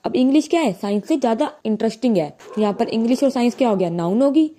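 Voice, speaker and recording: A woman teaching a grammar lesson, slowly explaining and asking and answering her own questions. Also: on the high side, lively intonation, dark tone, a little hiss or hum.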